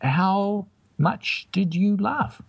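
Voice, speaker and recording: A man's voice: high voice, very slow, creaky, breathy edge, no room sound, muffled recording. A man hosting a casual film review chat, rambling and hesitant with many restarts. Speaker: film review show host.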